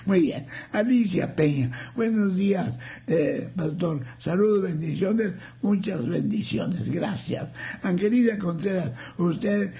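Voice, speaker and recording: Older radio host, slow and gravelly. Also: male voice, sits high, dark tone. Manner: folksy, joking, slow and drawn out. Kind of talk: reading listener messages on live radio.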